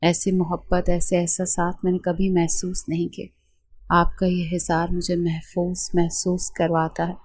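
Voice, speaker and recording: A woman voicing a soft-hearted young bride declaring her love for her husband in a storybook reading. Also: lowish voice, monotone, husky, no room sound. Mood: adoring. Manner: adoring, soft.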